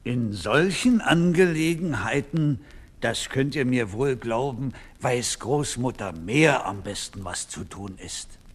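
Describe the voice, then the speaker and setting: A man's voice: mid-range voice, animated, slow, husky. A man voicing a good-natured old grandfather who is a river, speaking in a comforting, fatherly way. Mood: kindly.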